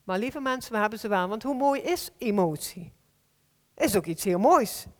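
A woman preaching a sermon to a congregation in a heartfelt, earnest way, slowing down to stress key phrases. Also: medium pitch, expressive. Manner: earnest, heartfelt, with slow emphatic stretches. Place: church hall. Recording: long hall reverb.

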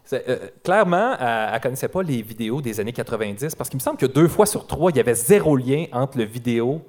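Homme québécois, animateur blagueur et expressif. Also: male voice, medium pitch, lively intonation, fast talker, a little mellow, soft background music. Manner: playful, joking wordplay, frequent laughs. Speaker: podcast host. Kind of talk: live comedy podcast commentary. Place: live show in a concert hall.

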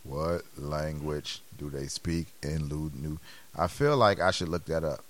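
A man co-hosting a casual podcast, throwing out animated rhetorical questions. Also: a bass voice, unhurried. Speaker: podcast co-host.

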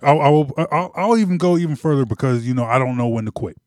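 A man's voice: medium pitch, quick pace, no echo. A man hosting a casual sports podcast from his home man cave, playful and rambling, repeating words, a little tipsy. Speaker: podcast host.

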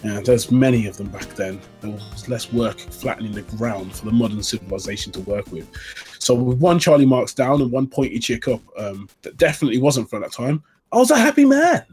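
A man's voice: mid-range voice, a little fast, a little mellow, faint music behind. Laughing male comedy panelist. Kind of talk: improvised comedy storytelling.

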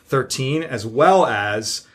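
A man's voice: mid-range voice, animated, takes it slowly. A man who is a church elder and podcast co-host, chatting casually in an easygoing, teasing way. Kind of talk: casual chat.

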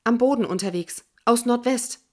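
Audiobook: reader voicing a commanding woman on the radio, clipped, raised pitch. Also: normal speed, lightly acted. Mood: brisk.

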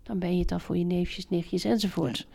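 Middle-aged woman chatting in an interview, kinda creaky low-key warm tone, hammers her points home. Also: normal speed. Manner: emphatic, repeats points, lively storytelling. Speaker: interview guest, parenting expert. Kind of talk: conversational interview.

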